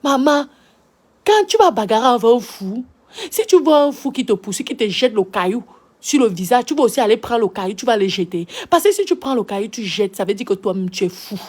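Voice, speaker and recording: A woman's voice: a little high, animated, a little fast, a little mellow. A woman with a Cameroonian French accent, scolding her audience in an impassioned monologue full of repeated rhetorical questions. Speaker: social media commentator. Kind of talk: impassioned live-video monologue.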